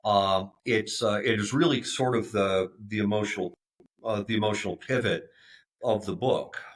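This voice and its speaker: A man in his fifties, a podcast guest, speaking in a halting way with many fillers and restarts. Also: lowish voice. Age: 50s. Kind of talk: conversational interview.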